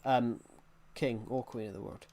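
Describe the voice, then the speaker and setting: A man's voice: medium pitch, steady tone, a little slow, mellow. A man in his early twenties chatting casually on a game livestream, rambling and reacting to chat messages. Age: early 20s.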